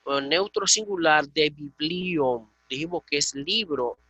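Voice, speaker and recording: A man's voice: a little high, slow pace, bright, forceful tone, dry recording, lo-fi sound. A man from the Dominican Republic teaching a Koine Greek class, explaining patiently and checking in with his students. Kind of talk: online class lecture.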